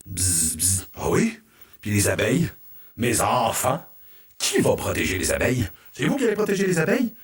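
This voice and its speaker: A man's voice: medium pitch, wildly swooping pitch, moderate pace, recorded from a distance. A man voicing a buzzing Québécois dragon. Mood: challenging. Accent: Québécois French. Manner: grandly addresses his bees, buzzes. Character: giant golden dragon, protective of his bees.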